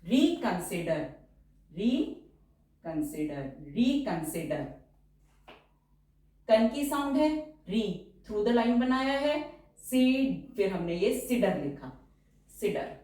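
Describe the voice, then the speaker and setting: Slow, echoey woman teacher. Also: on the high side, sing-song, dark tone. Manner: repeats each word slowly, explains in mixed Hindi and English. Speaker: shorthand teacher. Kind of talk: step-by-step lesson, dictating words slowly. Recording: distant, very echoey room.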